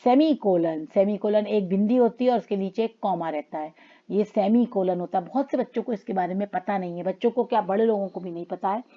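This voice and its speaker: A woman teacher talks her students through a grammar lesson at a middle pitch. She switches to slow, careful for the examples. The recording sounds a little dull and lo-fi. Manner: addresses students as children, reads English lines slowly. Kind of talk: classroom lesson explaining grammar.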